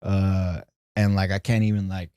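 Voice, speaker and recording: Low mellow-voiced man rambling casually. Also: flat delivery, moderate pace, clear, resonant tone, no echo, studio quality. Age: 30s. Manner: rambling, profane, lots of "like" fillers. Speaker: podcast guest. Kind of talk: casual chat.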